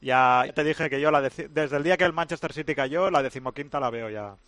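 Spanish man with a higher voice, chatting. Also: brisk, a bit bright, no room sound. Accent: Spain. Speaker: football commentator. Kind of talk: casual chat.

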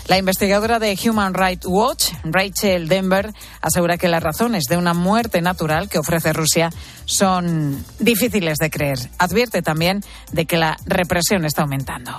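A woman's voice: fairly low pitch, moderate pace. A woman with an accent from Spain presenting scripted radio news. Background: music bed.

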